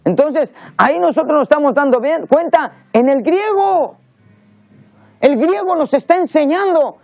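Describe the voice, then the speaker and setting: A man's voice: very high-pitched, expressive, measured pace, dry recording. A man preaching a teaching sermon, explaining earnestly and repeating words as he searches for the next one. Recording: dull lo-fi sound.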